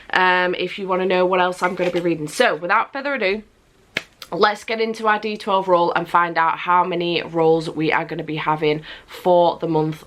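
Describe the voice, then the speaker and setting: A young woman with a cold and a stuffy nose chats casually to camera as a book vlogger, repeating words for emphasis. Her voice is deep with a fairly bright tone. She's in a room at home with building work going on nearby.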